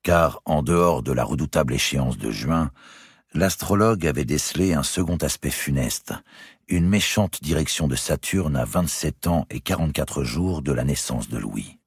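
Very deep husky male audiobook narrator. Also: expressive, normal speed, no room sound, clean studio sound. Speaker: audiobook reader. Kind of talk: scripted narration of a historical novel.

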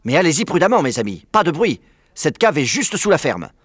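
A man's voice: on the high side, lively intonation, brisk, a bit bright, no echo, clean studio sound, pitched above the performer's own voice. A man voicing a clever, hungry fox father who speaks slyly and with command. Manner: sly, commanding.

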